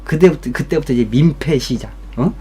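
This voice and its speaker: A young man with a warm, mid-range voice talks fairly quickly as he shares a story and life advice on his stream. He's casual, blunt and swears, voicing his coworkers loudly, with slight background noise audible.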